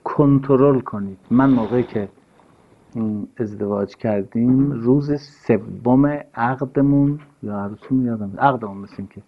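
A man giving an earnest, sermon-style talk, stressing his points and repeating key phrases. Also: mid-range voice. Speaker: religious speaker. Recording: dull lo-fi recording.

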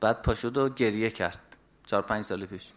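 A middle-aged man with a voice on the low side preaches a religious sermon. He shifts between soft, confiding asides and raised, urgent exhortation.

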